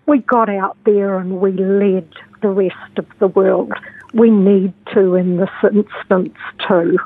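A woman's voice: mid-range voice, fairly even intonation, slow pace, no room sound. A woman speaking as an advocate in an interview, making emphatic, urgent appeals over a phone call. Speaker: guest advocate with legal background. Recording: narrow tinny phone line.

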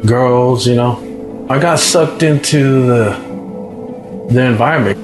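A man's voice: medium pitch, takes it slowly. Candid man telling his story over guitar. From Samoan, raised in California. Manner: candid, conversational, with frequent "you know". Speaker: guest giving a personal testimony. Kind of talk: recorded personal testimony. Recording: roomy sound with guitar music behind.

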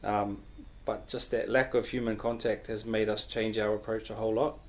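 A man's voice: lowish voice, level tone, moderate pace. A man chats as an interview guest, explaining his work in an easygoing, hesitant way. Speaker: guest, public health worker. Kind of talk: casual interview conversation.

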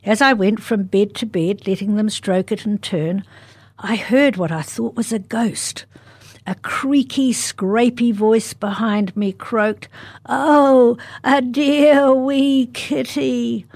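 A woman, presenting a heritage radio segment in a measured storytelling read. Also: medium pitch, darkish tone, no room sound. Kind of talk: scripted heritage narration.

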